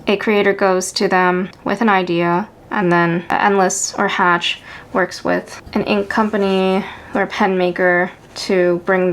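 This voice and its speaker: Chatty young woman with a gravelly edge. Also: fairly low pitch, fairly bright tone. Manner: chatty, self-talking, wry asides. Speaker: stationery vlogger. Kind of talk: casual ink-swatching chat to camera.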